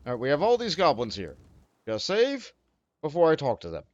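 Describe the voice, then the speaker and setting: A man's voice: on the high side, huge pitch swings, fairly quick, no room sound, lo-fi sound. A man hosting a let's play, thinking aloud in casual game commentary, full of fillers.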